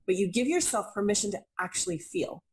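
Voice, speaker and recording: A young adult woman, an intuitive reader and healer, is a guest in a conversational interview, speaking briskly in a very animated, medium-pitched voice that's gravelly, a little mellow and slightly rough. She comes across as earnest and reflective, often repeating phrases for emphasis.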